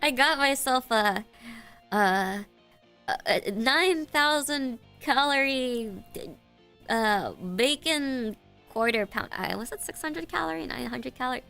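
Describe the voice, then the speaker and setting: She speaks in a high-pitched, bright, pushed voice, nasal from congestion. The American streamer keeps things casual with her audience, giggling and stumbling as she talks.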